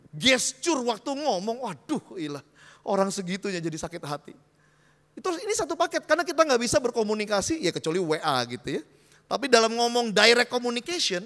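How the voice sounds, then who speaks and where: A man preaching a sermon in a lively way, full of wordplay and acted-out examples, recorded in an echoey church hall. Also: extremely high pitch.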